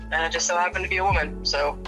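A woman's voice: on the low side, steady tone, rapid-fire, poor audio. Modest female soldier interviewed over music. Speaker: army sergeant interviewee. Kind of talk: unscripted interview answers.

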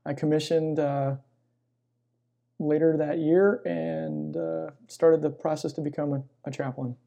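A middle-aged man, a chaplain being interviewed, telling personal stories in a reflective, conversational way with pauses mid-phrase. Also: fairly high pitch, steady tone, gravelly, mellow, muffled recording. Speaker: military chaplain and pastor, interview guest. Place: inside a church.

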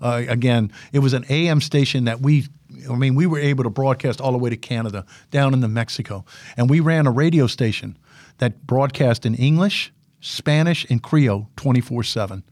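A little fast and at medium pitch, an older man with a big, commanding voice shares animated stories as a guest in a casual podcast interview, often repeating words and restarting. He's a former military public affairs officer and instructor, recorded close and dry with no room sound.

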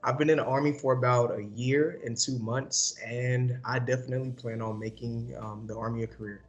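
A man's voice: medium pitch, steady tone, fairly quick, dull audio, soft background music. A man of twenty from Texas, a soldier, introducing himself in an upbeat, fluent way. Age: 20s.

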